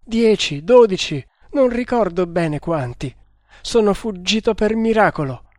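A man's voice: high voice, animated, measured pace, a little mellow, no room sound, studio quality, pitched above the performer's own voice. A man voicing a treacherous, terrified male servant who wails and sobs as he pleads, in an audiobook. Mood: sobbing. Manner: wailing, sobbing, frantic pleading. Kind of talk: audiobook character voice.

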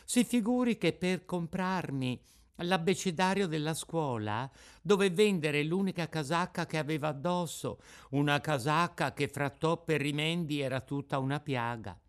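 A man narrating a children's story audiobook in an expressive, varied reading. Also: fairly high pitch, a little slow.

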